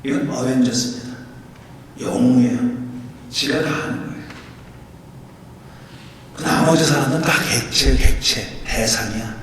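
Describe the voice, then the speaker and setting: A male pastor delivering a sermon, emphatic and animated, swinging between loud and soft. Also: mid-range voice, moderate pace, pauses often, crowd noise. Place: church sanctuary. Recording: echoey church hall from far off.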